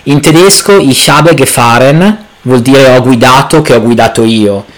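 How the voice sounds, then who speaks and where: A man's voice: medium pitch, measured pace, rough recording. An Italian man chatting casually and telling anecdotes in a joking, self-mocking way, dropping English phrases into his Italian. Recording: background noise and ambience.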